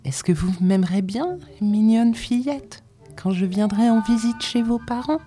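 A woman reading aloud, voicing a stout, pompous middle-aged man who coaxes in a hushed voice and scolds harshly, with faint music behind. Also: a little high, a little slow, voice pushed up, lightly acted. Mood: hushed wheedling. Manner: hushed wheedling, turning to sharp scolding.

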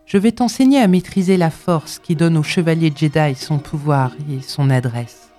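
A man voicing a calm, wise old warrior mentor in a storybook reading, speaking low and gravely. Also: moderate pace, soft background music, close to an everyday voice.

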